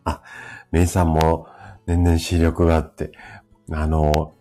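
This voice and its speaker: A man in his fifties with a rough, hoarse voice, chatting casually as host of a live stream and explaining things to his listeners. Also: rumbling low, monotone, takes it slowly, dark tone, faint music behind. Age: 50s. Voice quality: gravelly, rough voice from drinking the night before.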